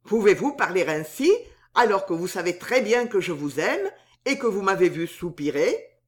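A woman's voice: medium pitch, big pitch swings, normal speed, lightly acted. A woman voicing a gallant, flowery young male poet in a spoken storybook, with grand, pleading declarations.

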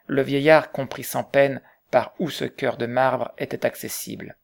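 A man narrating a novel in a measured, literary reading style. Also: mid-range voice, fairly even intonation, creaky.

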